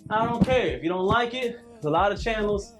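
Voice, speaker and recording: A man's voice: high-pitched, lively intonation, brisk, loud music behind the voice. A man in his late thirties coaching a calisthenics workout with emphatic, preachy, repetitive cues. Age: 30s. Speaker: fitness coach.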